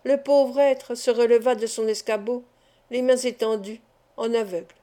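Mellow-voiced woman reading a novel aloud. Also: a little high, steady tone, normal speed. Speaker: audiobook narrator. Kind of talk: expressive audiobook reading.

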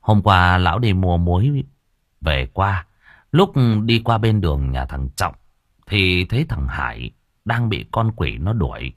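A man narrating a story audiobook in a lively, expressive reading. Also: sits low, unhurried, dry recording, studio quality.

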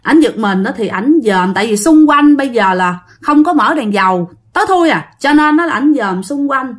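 A woman with a Southern Vietnamese accent tells a ghost story as if chatting with friends. She talks to her listeners often. Her voice is fairly high and moves widely between high and low for effect. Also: animated, normal speed. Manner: dramatic swings in pitch and loudness. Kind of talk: casual spoken storytelling.

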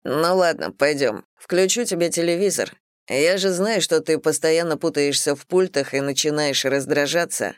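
A reader voicing a controlling husband who speaks with a falsely pleasant, insistent manner, slightly lower than the narration. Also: clean tone, no room sound, studio quality, lightly acted. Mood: condescending. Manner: false smiles, measured and insistent. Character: controlling husband, calm and menacing.

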